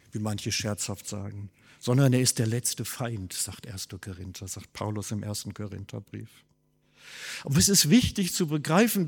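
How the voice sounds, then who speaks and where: Husky preaching man in a reverberant hall. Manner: animated preaching, swinging from loud emphasis to quiet low asides. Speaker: pastor. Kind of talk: sermon.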